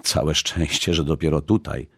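A composed, cheerful young mother, as a male narrator puts her on, lifted a bit above his very deep voice. The tone is husky, and the recording is dry and close. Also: fairly even intonation, moderate pace, no room sound, exaggerated voice. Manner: light and composed.

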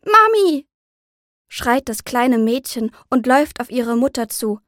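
A woman narrating a story in a steady, measured audiobook reading. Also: on the high side, no room sound, clean studio sound.

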